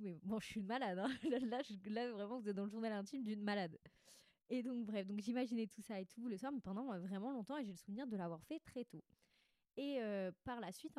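Congested and nasal, this twenty-something woman has a mellow voice at an average pitch, captured in a completely dry recording without any room echo. As a podcast host, she delivers a chatty, slangy confessional monologue, candid and rambling like reading her diary aloud, frequently wandering off and interrupting herself mid-sentence.

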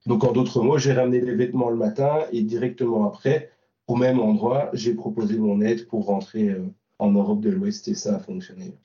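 A man's voice: on the low side, little pitch movement, normal speed, warm tone. A man from Belgium recounting a trip in an interview, hesitant, with many fillers and restarts. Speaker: volunteer driver recounting trip. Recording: distant, roomy, dull lo-fi sound.

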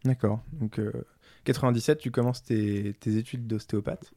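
Mellow-voiced podcast host, halting. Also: male voice, medium pitch, steady tone, no room sound, clean studio sound. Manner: hesitant, friendly, many fillers. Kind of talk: conversational interview.

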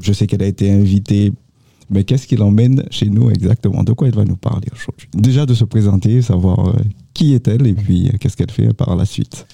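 Animateur à la voix grave et rocailleuse. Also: male voice, on the low side, vocal fry, mellow, no room sound. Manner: slow, hesitant questions. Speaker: radio co-host. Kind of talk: casual radio chat. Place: radio studio.

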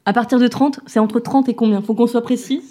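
A woman's voice: fairly high pitch, steady tone, fairly quick, warm tone. Chatty woman hosting a live event. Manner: chatty, self-deprecating, frequent fillers. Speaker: event host. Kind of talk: live stage introductions. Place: event stage before an audience.

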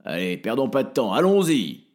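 A man's voice: mid-range voice, sing-song, a little mellow. A man doing a grave old wizard. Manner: solemn, measured counsel. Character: old wise male wizard, calm and grave. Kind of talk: audiobook character reading.

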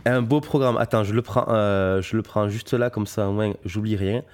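In a casual podcast conversation, the young male host, also a guitarist, sounds friendly yet hesitant, using lots of fillers. He speaks at normal speed in a lowish voice with fairly even intonation.

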